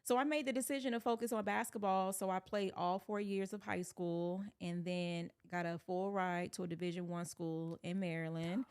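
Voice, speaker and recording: A woman's voice: fairly low pitch, fairly even intonation, normal speed, hardly any pauses, a little mellow, clear, resonant tone. A young woman raised in North Carolina, a sports PR manager, telling her story in an upbeat way as a podcast guest. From born in Alabama, raised in North Carolina. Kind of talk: casual interview chat.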